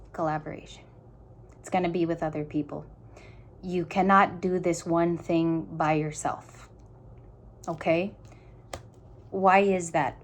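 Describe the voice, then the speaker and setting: A woman with a fairly low voice talks through a tarot spread in a casual way. She muses aloud and breaks off and restarts her sentences. She speaks earnestly and directly to whoever is listening, with a faint hiss behind her. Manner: musing aloud, stop-start phrasing. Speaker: tarot reader. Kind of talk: casual tarot reading to viewers.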